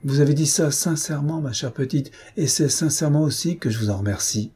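A man voicing a gentle, affectionate elderly countess in a read-aloud novel. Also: a little high, brisk, slightly rough, pitched above the performer's own voice. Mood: kindly.

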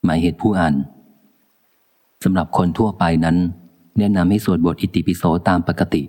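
A man reading a biography of a revered monk aloud, in a slow, measured, solemn recitation. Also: low voice, fairly even intonation, darkish tone, big-room sound. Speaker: audiobook reader. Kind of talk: calm scripted book reading.

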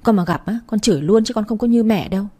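A woman's voice: medium pitch, fast, warm tone, husky, close to an everyday voice. Woman voicing a feisty, loyal elder sister.

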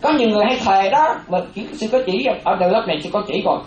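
A Buddhist monastic woman, giving a lively dharma talk and often asking the audience questions. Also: mid-range voice, very fast, slight background noise. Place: hall with a seated audience. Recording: roomy, dull sound with faint audience.

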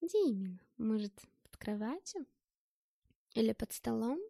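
A woman's voice: fairly high pitch, lively intonation, unhurried, vocal fry, mellow, dry recording, studio quality, heavily acted. A woman voicing a sly, dangerous young woman who coaxes sweetly and then shrieks in fury, in an audiobook. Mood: coaxing. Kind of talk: audiobook character voice.

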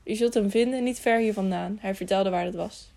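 A woman's voice: medium pitch, a little fast, dark tone, close to an everyday voice. A woman reading an earnest young would-be knight. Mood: calm. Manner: earnest, pleading. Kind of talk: audiobook character reading.

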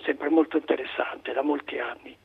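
A man's voice: medium pitch, steady tone, moderate pace, slightly rough. A man calling in to a radio show over the phone, talking casually about football. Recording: narrow muffled phone line.

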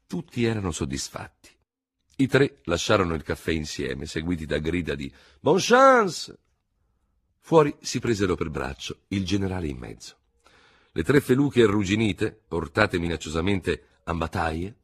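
A man reads a literary novel aloud in a measured, expressive audiobook style. His voice sits very low, with a husky, slightly breathy grain. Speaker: audiobook narrator.

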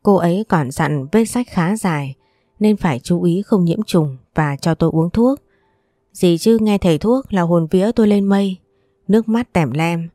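Woman storyteller, lowish voice, steady even reading, dry close sound. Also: normal speed, no echo. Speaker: narrator. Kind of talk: scripted story narration.

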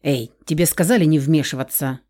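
Audiobook: touchy young guy with sulky, grumbling retorts, read by a woman in a mellow voice. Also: low-pitched, brisk. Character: young man, touchy and blunt.

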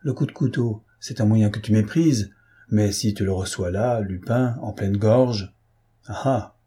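A man's voice: lowish voice, a little slow, mellow, husky. A man voicing a menacing, brutal baron who presses his rival with threats. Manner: threatening, insistent.

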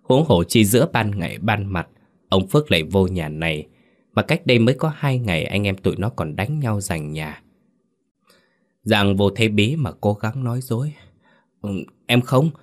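Man, horror story narration, deep low voice, measured, dramatic. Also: expressive.

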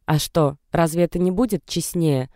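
Brief: narrator playing a desperate young mother-to-be, tearful and defiant, mellow, clean and close on mic. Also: medium pitch, moderate pace, no room sound, close to an everyday voice. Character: young distressed pregnant woman. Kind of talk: audiobook character reading.

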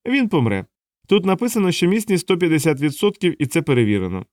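A man voicing a calm, practical young woman officer of the city watch, raising his pitch for her. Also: quick pace, dry recording, studio quality. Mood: concerned.

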